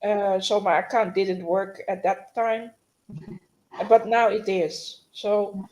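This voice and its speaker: A woman co-hosting a casual live-stream chat, speaking hesitantly with many pauses over a video call. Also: mid-range voice, fairly even intonation, a little mellow. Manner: hesitant, many fillers and restarts.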